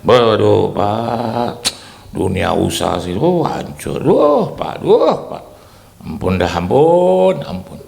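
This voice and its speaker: A man putting on a moaning businessman who whines that everything is hard, in a gravelly voice that swings up loud and high, then sinks into drawn-out groans. He complains in a sermon anecdote. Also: sing-song, heavily acted. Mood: whiny complaining. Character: grumbling male businessman who always complains times are hard.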